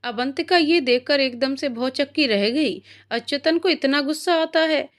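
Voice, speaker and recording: A woman narrating a moral story in a steady, clear reading. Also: high-pitched, moderate pace.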